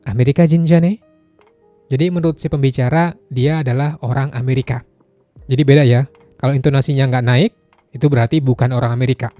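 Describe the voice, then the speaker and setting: A man's voice: medium pitch, steady tone, quick pace, mellow, dry recording, soft background music. A man teaching a language lesson, explaining points patiently and going over them again in casual, spoken phrasing.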